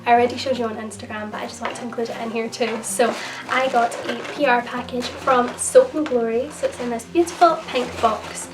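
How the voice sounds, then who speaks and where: A young woman with a slightly croaky voice, gushing warmly in a casual haul vlog about things she bought. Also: on the high side, fairly even intonation, a little fast, distant mic, heavy background noise. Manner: gushing, effusive, repeats "so, so". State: croaky voice from a cold. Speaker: beauty and lifestyle vlogger. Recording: music bed, voice a little off-mic.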